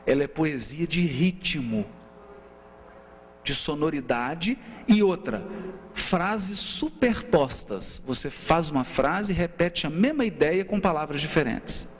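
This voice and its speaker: A man with a Brazilian Portuguese accent giving a seminar lecture, asking rhetorical questions and counting out rhythms. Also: on the high side. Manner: animated, asks rhetorical questions, often adds "né?". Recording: reverberant hall, faint hum.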